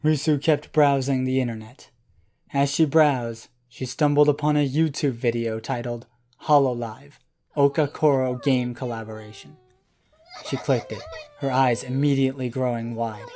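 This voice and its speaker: A man narrating a children's storybook in a calm, even voice. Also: medium pitch, normal speed.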